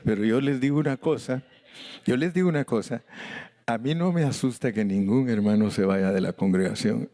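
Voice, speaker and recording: A man's voice: medium pitch, normal speed, dark tone, no room sound. An older man preaching a sermon as pastor, emphatic and acting out conversations with sudden jumps in his voice. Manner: emphatic preaching that acts out conversations, voice leaping up for stress.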